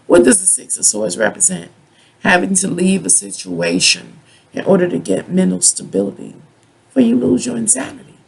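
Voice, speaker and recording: A person from the United States giving a rambling, drunken tarot reading as a monologue, halting, drawing out words and repeating points in a raspy voice. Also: medium pitch, rough recording. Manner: self-described drunken ranting, halting with drawn-out words and repetition. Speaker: tarot and astrology reader.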